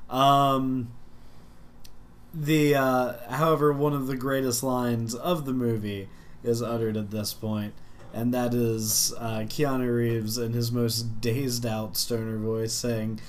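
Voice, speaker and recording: A man's voice: mid-range voice, little pitch movement, takes it slowly. A man co-hosting a casual film podcast, hesitant, with frequent laughs and restarts. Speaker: podcast co-host.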